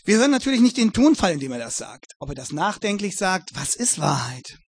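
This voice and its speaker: A man's voice: high-pitched, big pitch swings, fast talker, no room sound, studio quality. A man preaching a Bible exposition sermon, earnest, addressing his listeners formally and building emphatic repetitions.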